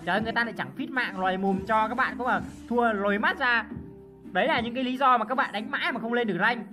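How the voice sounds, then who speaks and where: A woman, hosting a gaming channel with playful, excitable gameplay commentary. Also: a little high, fast. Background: background music.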